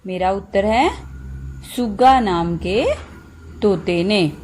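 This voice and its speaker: A woman's voice: mid-range voice, darkish tone, slight background noise. A woman teaching a primary school class, asking and answering simple questions and explaining words one by one. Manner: slow, deliberate, explains word by word to children. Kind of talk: slow classroom lesson for young children.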